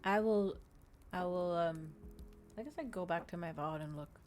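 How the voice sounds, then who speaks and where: A woman's fairly low voice comes through over music at a moderate pace. She's a VTuber livestream host making casual, rambling conversation with viewers, often repeating herself and restating her lines.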